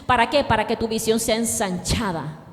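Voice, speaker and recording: A woman pastor preaching a sermon with fervor, calling on the congregation to repeat after her and rising to shouts. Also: on the high side, moderate pace, big-room sound. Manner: fervent preaching, rising to shouts, call and response.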